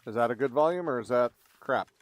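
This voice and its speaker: Animated and quick, a mid-range male voice fills a casual live game stream as he rambles to viewers. The recording is dry, yet clear background noise comes through his maxed-out streaming mic.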